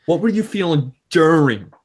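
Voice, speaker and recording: A man hosting a gaming podcast, asking quick questions and dropping jokey interjections. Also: fairly high pitch, sing-song. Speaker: podcast host. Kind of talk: casual chat.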